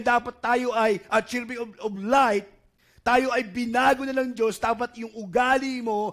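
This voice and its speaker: A man's voice: very high-pitched, a bit bright. A male pastor preaching a sermon, mixing Tagalog and English and often asking the congregation questions. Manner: switches between Tagalog and English, quizzing the congregation.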